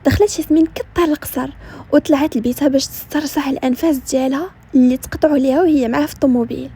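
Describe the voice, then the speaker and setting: Woman, Moroccan Arabic accent, story narration, brisk, dark mellow tone, fast. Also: high voice, steady tone.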